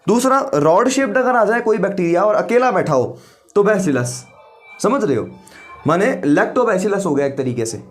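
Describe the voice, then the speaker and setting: A man teaching biology. He asks the class questions, answers them himself and repeats the key terms slowly. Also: high-pitched, very animated, soft background music. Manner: mixes English science terms into Hindi. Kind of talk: classroom lecture.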